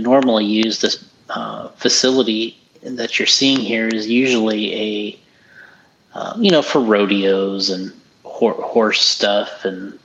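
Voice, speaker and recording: A man whose voice runs on the low side, with a fairly bright tone, comes through poor audio with slight background noise. He co-hosts a laid-back podcast, chatting loosely about an RC race and frequently backing up to restart his thoughts.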